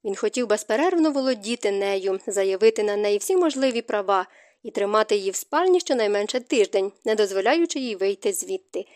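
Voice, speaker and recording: A woman narrating an audiobook romance novel in an expressive, emotive reading. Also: mid-range voice, a little fast.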